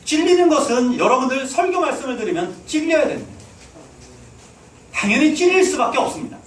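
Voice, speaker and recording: A man's voice: very high voice, animated, a little fast, slight background noise. A man preaching a sermon in a church, urging his listeners on and putting rhetorical questions to them. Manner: exhorting, asks the hall rhetorical questions. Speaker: pastor. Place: church sanctuary. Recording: echoey hall, mic at a distance.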